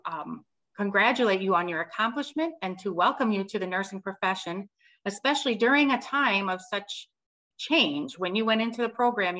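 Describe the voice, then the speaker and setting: Bright-voiced proud nursing teacher, a woman. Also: medium pitch, rough recording. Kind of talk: recorded congratulatory message.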